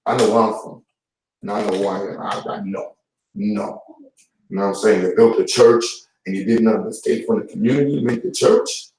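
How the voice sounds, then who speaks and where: A man's voice: on the low side, steady tone, a little fast, darkish tone, a little hiss or hum. A man giving a casual, blunt vlog rant full of street slang, repeating his points. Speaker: YouTube commentator. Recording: echoey room, voice far from mic.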